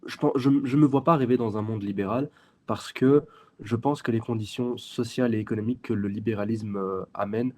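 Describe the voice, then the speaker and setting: A man's voice: lowish voice, fairly even intonation, fairly quick, mellow. A 21-year-old man with a Belgian French accent, answering interview questions earnestly as a guest, with many fillers and restarts. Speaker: guest, youth party section president.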